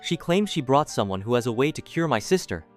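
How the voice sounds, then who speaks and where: A man's voice: mid-range voice, big pitch swings, fairly quick, faint music behind, close to an everyday voice. A man voicing an urgent young grandson who speaks hurriedly.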